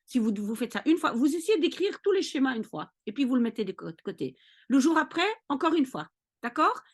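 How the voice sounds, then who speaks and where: A woman's voice: high voice, big pitch swings, a little fast. A woman tutoring maths, explaining patiently step by step and checking in often with her listeners. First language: Dutch. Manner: patient, repeats checks like "ok?" and "d'accord?". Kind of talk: explanatory lesson.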